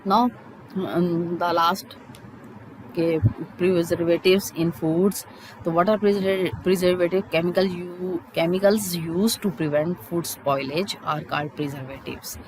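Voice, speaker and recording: Chemistry teacher, mid-range voice, halting explanatory delivery, repeated key terms, clear background noise. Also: medium pitch, fairly even intonation. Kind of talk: school lesson, reading and explaining textbook points.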